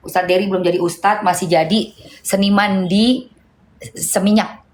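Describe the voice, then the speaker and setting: A middle-aged woman with a lilt, hosting a livestream and reading viewer comments, shifting between heated scolding and soft chat. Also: medium pitch, fairly even intonation, moderate pace. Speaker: livestream host.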